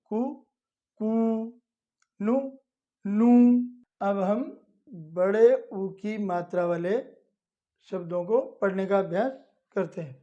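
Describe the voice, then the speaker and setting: Slow, patient male Hindi reading teacher. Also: high voice, mellow. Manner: spells out syllables slowly and repeats them. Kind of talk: slow instructional lesson. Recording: dull lo-fi audio.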